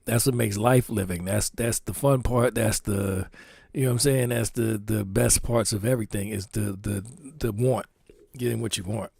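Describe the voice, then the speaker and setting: A man's voice: lowish voice, steady tone, normal speed, vocal fry, a little mellow, breathy edge, dry recording. A man with a Philadelphia accent talking casually about his clothing designs, full of street slang and constant "you know what I'm saying.". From Philadelphia, United States. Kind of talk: casual talk to camera.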